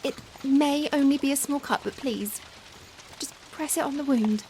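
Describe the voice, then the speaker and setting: The audio is poor, with faint rain-like noise in the background, as a woman with a high voice plays a genteel young Victorian vampire in an ASMR roleplay monologue. She speaks softly in formal, old-fashioned language with hesitant pauses, breathy when hushed, sounding alarmed and strained.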